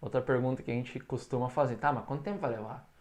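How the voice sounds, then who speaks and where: Man teaching English, slow repeated phrases. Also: medium pitch, darkish tone. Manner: explains in Portuguese, models English phrases slowly for repetition. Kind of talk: recorded online English lesson.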